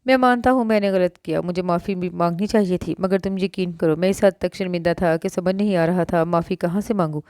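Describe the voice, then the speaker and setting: A stern young husband with a harsh, commanding manner, as a woman narrator puts him on. The voice is smooth and clear, recorded close and dry, with no room sound. He reads as a figure in a spoken novel. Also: on the low side, steady tone, brisk, hardly any pauses, a little mellow, no room sound, natural voice. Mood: remorseful. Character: stern young husband, angry then remorseful.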